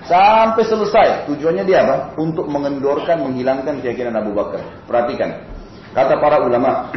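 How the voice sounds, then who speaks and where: A man's voice: mid-range voice, slight background noise. A man preaching a sermon in a mosque, telling a story dramatically and dropping casual spoken asides to his congregation. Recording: roomy, slightly dull mosque recording.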